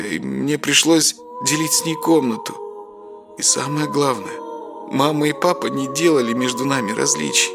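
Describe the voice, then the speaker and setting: A man's voice: on the high side, creaky. A man voicing a terrified, tearful young woman who stammers and sobs. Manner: sobbing, stammering. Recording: music bed behind voice.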